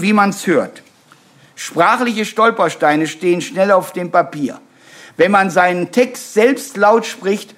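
A man's voice: high voice, a bit bright. A man leading a workshop on public speaking, talking live to a group, with wry, self-mocking asides and tag questions thrown to the audience. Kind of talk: live seminar talk.

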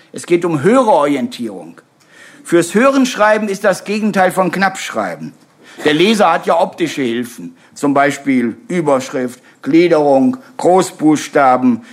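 A man leading a workshop on public speaking, talking live to a group, with wry, self-mocking asides and tag questions thrown to the audience. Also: on the high side. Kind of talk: live seminar talk.

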